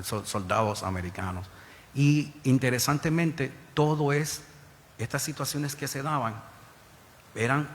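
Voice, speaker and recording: A middle-aged former federal agent from the Bronx, New York, speaks in a mid-range voice as he gives earnest public testimony to a panel, restarting his sentences many times. The recording has hall reverb, faint ambience and a little hiss or hum.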